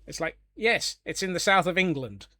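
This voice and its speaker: A man's voice: a little high, expressive, moderate pace, sharp tone, no echo. A man from Scotland chatting casually on a live gaming stream, joking along with viewers and answering their questions. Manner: chatty and jokey, answering chat.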